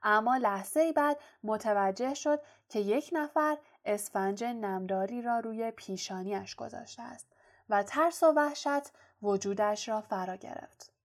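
Woman reading a storybook aloud. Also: a little high. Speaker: audiobook narrator.

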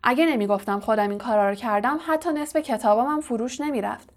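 A woman voicing a vain, evasive male wizard professor who is a fraud, smooth and condescending. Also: fairly high pitch, lightly acted. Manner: smooth, self-justifying, condescending.

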